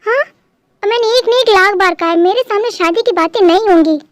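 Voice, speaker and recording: High-voiced dubber doing a stubborn proud elder sister. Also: female voice, brisk, dry recording, clean studio sound. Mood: firm. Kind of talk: fan dub drama.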